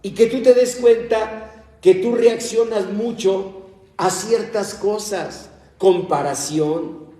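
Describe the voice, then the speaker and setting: A preacher with a somewhat high voice gives an unhurried, conversational sermon. He talks in a chatty, teasing way and acts out little everyday arguments for his listeners. He is heard from a distance in a large echoing church hall. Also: dark tone. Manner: chatty and playful, acts out everyday quarrels, teases the congregation. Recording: echoey hall heard from far off.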